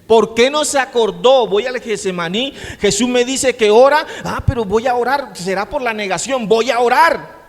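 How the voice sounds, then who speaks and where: A middle-aged man preaching a sermon as pastor, swinging from hushed words to shouts. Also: very high voice, moderate pace. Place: church sanctuary. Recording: long church-hall reverb.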